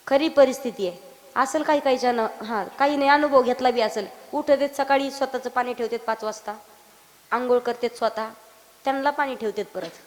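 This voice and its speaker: High pitched lady with preaching kirtan in a big echoey hall, jokes with the crowd, sudden loud bits. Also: fairly quick. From Maharashtra. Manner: lively, teasing the audience with acted dialogue and sudden loud outbursts. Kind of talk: Marathi kirtan sermon with sung verses. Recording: reverberant hall.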